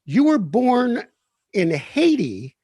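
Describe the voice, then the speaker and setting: A man's voice: very high voice, very animated, slow pace, mellow, breathy edge, no room sound. A man hosting an interview, leading his guest with friendly questions that seek confirmation. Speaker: interviewer, host. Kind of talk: conversational interview.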